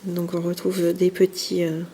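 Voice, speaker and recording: Soft-spoken woman showing crafts. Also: lowish voice, monotone, measured pace, slight background noise. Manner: hesitant, many fillers and restarts; soft-spoken, drops to near whispers. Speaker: scrapbooking YouTuber. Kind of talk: casual show-and-tell.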